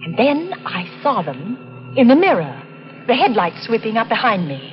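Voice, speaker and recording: A woman's voice: fairly high pitch, sing-song, normal speed. A woman playing a nervous young woman driving alone at night, narrating and speaking in tense 1940s radio drama style. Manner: tense, breathless, first-person narration. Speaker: lead actress and narrator. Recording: dull old radio recording with music.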